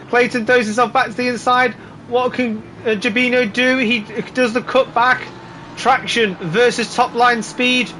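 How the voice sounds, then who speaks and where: High, bright-voiced male motorsport commentator. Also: a little hiss or hum. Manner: excitable running play-by-play, exclaiming. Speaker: motorsport commentator on a sim racing broadcast. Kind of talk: live motorsport race commentary.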